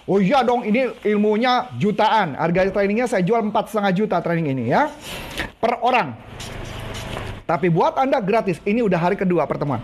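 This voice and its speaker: A man leads a live-streamed coaching lesson in a chatty, teasing way. His pitch swings widely as he repeats each instruction again and again, and a faint noise sits under his voice. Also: lively intonation, a little fast. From Indonesia. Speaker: NLP trainer and coach.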